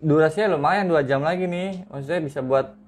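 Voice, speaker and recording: A man's voice: fairly high pitch, a little fast, faint music behind. A young man, a podcast guest telling his horror story in casual slang with acted quotes.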